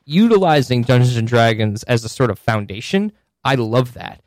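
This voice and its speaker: A man's voice: medium pitch, lively intonation, normal speed, no room sound. A man hosting a casual chat, rambling along with many fillers and asides. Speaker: podcast host.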